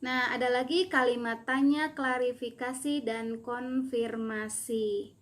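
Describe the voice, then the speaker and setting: A woman's voice: fairly high pitch, steady tone, takes it slowly. A woman teacher giving a remote lesson, patiently explaining and reading example questions aloud.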